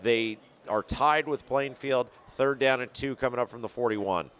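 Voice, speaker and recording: Male play-by-play caller for high school football, even mid pitch, surges on big plays. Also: normal speed, smooth. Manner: rises sharply and loud on big plays. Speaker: play-by-play announcer.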